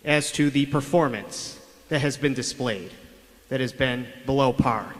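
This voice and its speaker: Heard over public address in an echoey meeting hall, a man with a high-leaning, somewhat bright voice speaks into the podium mic. His public comment to the school board is sharp and confrontational.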